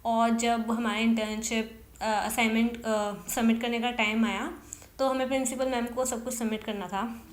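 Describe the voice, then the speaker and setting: A young woman with a slightly high voice tells stories in a chatty, casual way, dropping English phrases in as she goes. She hosts her own podcast from her bedroom. The sound bounces around the room, giving it an echoey feel. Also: flat delivery, normal speed. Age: young adult. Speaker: podcast host. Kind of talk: casual storytelling.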